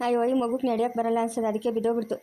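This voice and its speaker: A woman playing a fast-scolding older village mother. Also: fairly high pitch, little pitch movement, heavy background noise, natural voice. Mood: coaxing. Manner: scolding, fast and sharp-tongued. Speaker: mother in a family drama. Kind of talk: village family drama acting.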